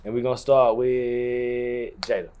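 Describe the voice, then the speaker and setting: A man's voice: mid-range voice, level tone, measured pace, dark tone, smooth. A man hosting a casual group podcast, slangy and profane, steering everyone's talk. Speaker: podcast host.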